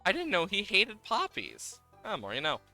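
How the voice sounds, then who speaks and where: His voice sits high and swings hugely in pitch, bright and forceful at a normal speed, as this livestreamer chats excitedly over a game. He jumps from thought to thought and reads in-game dialogue aloud, with game music in the background.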